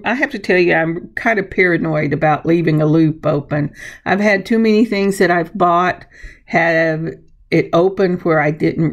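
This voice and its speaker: Woman, gravelly voice, mid pitch, slow pace, chatty, casual craft tutorial host, narrating her own steps. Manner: chatty, unhurried, self-narrating. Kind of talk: casual hands-on craft instruction.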